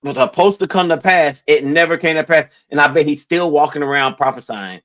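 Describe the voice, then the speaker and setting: A man with a somewhat raised pitch tells stories in animated, casual chat. He laughs often and keeps things lively. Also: a little fast, muffled recording. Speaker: podcast co-host.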